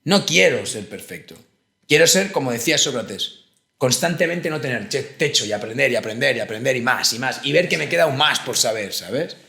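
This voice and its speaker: A man, co-hosting a casual talk show and telling stories with lively acted-out quotes. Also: mid-range voice, brisk, creaky, reverberant. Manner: animated storyteller, acts out quoted voices. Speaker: podcast co-host, therapist. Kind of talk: casual conversation.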